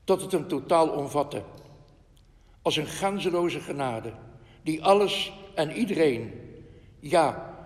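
A man's voice: on the high side, animated, slow pace, pauses often, in a large hall. A man giving an earnest, reflective spiritual talk and reading quotations aloud, with frequent asides.

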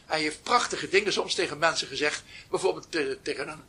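A man giving a reflective spiritual talk, telling a story slowly with long pauses, often dropping to near whispers, then rising with emphasis. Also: on the high side, bright, forceful tone, husky. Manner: slow, pausing delivery. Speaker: spiritual teacher.

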